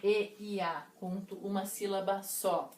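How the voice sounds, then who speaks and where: A woman teacher explaining poetic meter to her class, counting syllables slowly and deliberately. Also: mid-range voice, steady tone, darkish tone, slight background noise. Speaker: literature teacher. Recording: echoey room.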